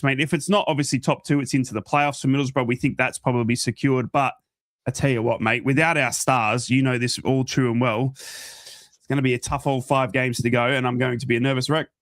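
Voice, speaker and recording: A man's voice: medium pitch, no room sound, studio quality. Chatty North East English man. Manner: chatty, animated, addresses the others as mate. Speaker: podcast co-host. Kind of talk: casual football chat.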